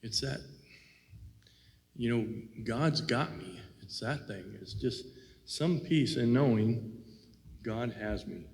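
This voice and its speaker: A man's voice: mid-range voice, takes it slowly, long pauses, a little mellow, long reverb tail. A man co-hosting a casual faith talk, reflective and rambling, with many "you know"s. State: has the hiccups. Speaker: co-host.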